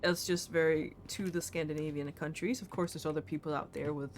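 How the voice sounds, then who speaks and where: A woman's voice: low voice, fairly even intonation, brisk, slight background noise. A woman from Denmark, chatting casually with a co-player during a game stream. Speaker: gamer on a stream. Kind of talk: casual gaming chat.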